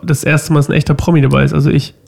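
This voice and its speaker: A man co-hosts a relaxed podcast conversation with a playful, teasing manner. His voice sits fairly high with a gravelly edge and still sounds a little scratchy. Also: racing. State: slightly scratchy voice. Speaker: podcast co-host. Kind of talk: casual chat.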